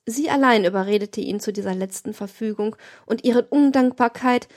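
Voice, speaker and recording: A woman's voice: a little high, moderate pace, a little mellow, natural voice. A woman voicing a pious young servant in an audiobook, earnest and deferential. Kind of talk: audiobook reading.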